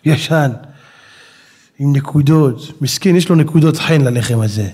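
A male preacher delivers a sermon with an animated storytelling manner. His voice sits high, and he turns to his listeners with rhetorical questions. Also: slightly rough.

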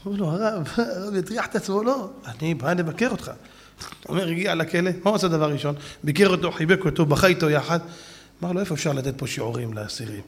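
A man preaching a sermon and telling stories, acting out the people in them and often shouting. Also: high-pitched, big-room sound. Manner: animated storyteller who acts out quotes, often shouting.

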